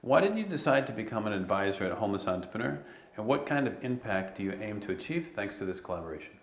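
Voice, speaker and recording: Man, interviewer, low pitch, steady questions, echoey room. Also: fast, gravelly, slight background noise. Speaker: interviewer, host.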